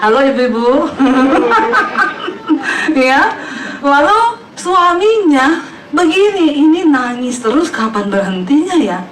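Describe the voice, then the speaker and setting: High-voiced and very animated, the woman pastor takes her time, leaving long pauses as she preaches a humorous sermon. Laughing often, she acts out the people in her stories for a congregation in a church hall, picked up from far away with echo and crowd noise.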